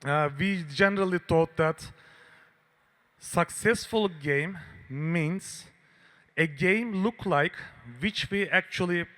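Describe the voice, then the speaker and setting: Higher-pitched man, presenting. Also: a bit bright. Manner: halting non-native English with loose grammar. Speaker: conference speaker from a game publishing company. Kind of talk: conference presentation on game design.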